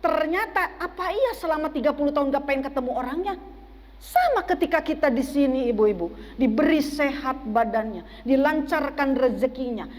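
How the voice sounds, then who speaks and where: A woman's voice: sits high, in a large hall. A woman preaching a sermon to a women's study group, often asking the audience questions. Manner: asks the audience questions and waits for replies. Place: mosque.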